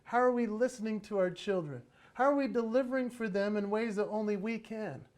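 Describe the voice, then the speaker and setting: A man giving a playful, animated motivational talk on parenting at a conference, acting out little voices as he goes. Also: sits high, fairly quick. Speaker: keynote speaker on parenting.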